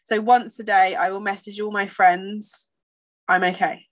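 A woman's voice: medium pitch, little pitch movement, moderate pace. A woman in casual, confiding conversation, speaking in a candid, informal and reflective way.

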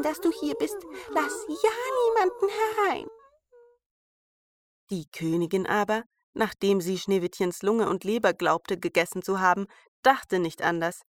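A woman reading a fairy tale aloud in an even, measured storytelling manner. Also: medium pitch, no room sound, studio quality.

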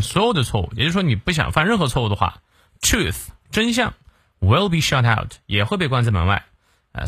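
A man teaching English phrases on a morning lesson podcast. His voice swings up and down with animated energy. The recording is close and dry, with no room sound. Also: on the low side, slightly rough, no echo. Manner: lively, slows down to model English phrases.

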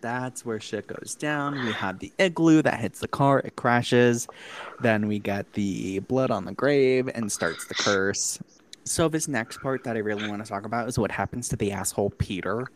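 Profane, animated man recapping a movie. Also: fairly low pitch, normal speed, slight background noise, rough recording. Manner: animated, profane, laughs often. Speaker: podcast co-host recapping a film. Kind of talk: casual chat, recapping a movie.

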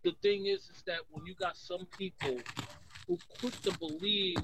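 High-voiced man, heated and profane. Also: moderate pace, a bit bright, low-quality recording. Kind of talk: casual chat.

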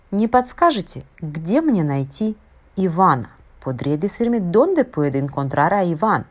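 Woman teaching a language lesson, slow and careful, voice goes up and down a lot. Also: medium pitch. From Russia. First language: Russian. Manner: careful, deliberate explanation with spoken examples.

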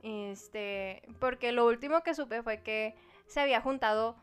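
A young woman with a Mexican Spanish accent tells a story in casual podcast chat. Her voice sits high, and she talks in an animated, slangy way. She acts out both sides of the dialogue. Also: measured pace, clear, resonant tone. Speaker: podcast co-host.

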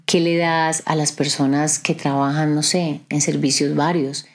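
Low-voiced woman podcasting. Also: level tone, a little slow. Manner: conversational, preachy, asks listeners rhetorical questions. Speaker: podcast host. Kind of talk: reflective podcast monologue.

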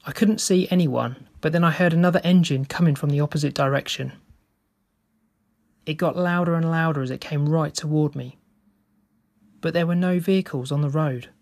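A man narrating a first-person story in a steady, measured reading. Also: on the high side, creaky.

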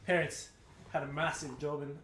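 A man's voice: a little high, little pitch movement, moderate pace, fairly bright tone, roomy sound, slight background noise. An Australian man in his twenties, a rugby league player, chatting easygoing about growing up. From Snowy Mountains, Australia. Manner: laid-back, easygoing, says mate and man a lot. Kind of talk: casual interview chat.

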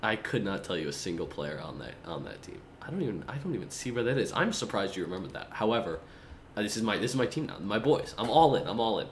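A man co-hosting a casual sports podcast, excitable and teasing, often calling his co-host by name. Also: fairly low pitch, quick pace, a little hiss or hum. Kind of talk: casual chat. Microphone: video call.

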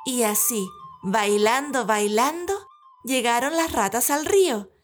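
Slow, lilting woman storyteller. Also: a little high, lively intonation. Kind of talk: storybook narration. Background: soft background music.

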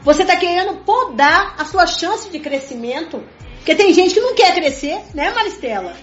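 High-voiced woman teaching faith in an echoey room. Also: sing-song, normal speed, a bit bright. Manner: repetitive, keeps addressing listeners as "gente"; earnest and emphatic. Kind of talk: conversational religious talk. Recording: echoey room, dull sound, faint music.

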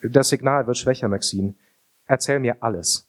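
A man's voice: mid-range voice, moderate pace, close to an everyday voice. A man voicing a restless teenage girl in an audiobook, eager and impatient. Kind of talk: audiobook character voice.

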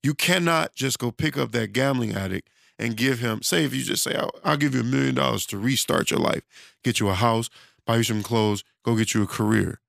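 Speaking a little fast, a creaky, mid-range man with a fairly bright tone is heard without room sound. The self-employed American studio owner is losing his voice, chatting in a rambling, conversational monologue with plenty of fillers and false starts.

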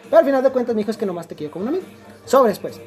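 A young man with a Mexican accent talks quickly through a personal story, full of slang and false starts. His voice is mellow and dark, with faint music playing underneath. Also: extremely high pitch, very animated. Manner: rambling, slangy, many restarts. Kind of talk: casual storytelling chat.

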